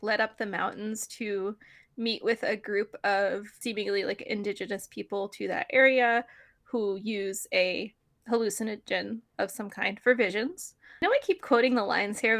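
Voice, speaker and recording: A woman co-hosting a podcast, recapping a film in casual chat, full of "like" fillers and quick laughs. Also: mid-range voice, fairly bright tone. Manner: chatty, frequent "like" fillers and laughs. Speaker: podcast co-host.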